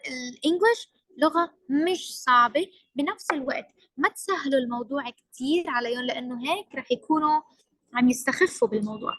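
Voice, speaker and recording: A young woman trainer with a Levantine Arabic accent delivers a workshop lecture, slipping English phrases into her Arabic and pressing hard on key words. Her voice sits high and sounds bright and crisp. The recording is dry and close, with almost no room sound. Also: dry recording, rough recording. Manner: mixes English into Arabic, emphatic.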